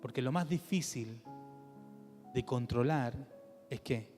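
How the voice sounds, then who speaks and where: A man with a Chilean accent preaching a sermon in church, asking the congregation question after question and dropping to a soft, low voice to stress key points. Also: takes it slowly, in a large hall, faint music behind. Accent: Chilean Spanish. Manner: animated preaching with rhetorical questions, drops to a soft low voice for emphasis. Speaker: pastor.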